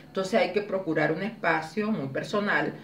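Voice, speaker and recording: A woman leading a public speaking workshop, explaining exercises clearly and demonstrating intonation with lively expression. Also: lowish voice, moderate pace, a little hiss or hum. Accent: Spanish. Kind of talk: teaching a workshop. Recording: echoey room, voice from a distance.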